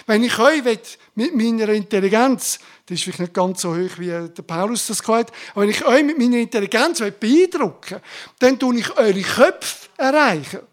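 Woman preacher, higher-pitched, fervent and informal sermon delivery with exclamations. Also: animated, normal speed. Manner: fervent, exclaiming bursts of praise; addresses congregation directly, informal.

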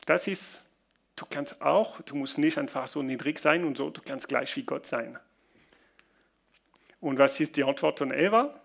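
Guy preaching, kinda gravelly, a bit high, stops and restarts a lot. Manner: halting non-native German with restarts, reads Bible passages slowly. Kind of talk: sermon.

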